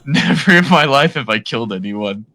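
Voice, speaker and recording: A man's voice: mid-range voice, expressive, normal speed, bright, forceful tone. A man roleplaying a drunk caller over voice chat, swearing and melodramatically ranting at his friend. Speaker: roleplay player on a phone call. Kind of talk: improvised game roleplay.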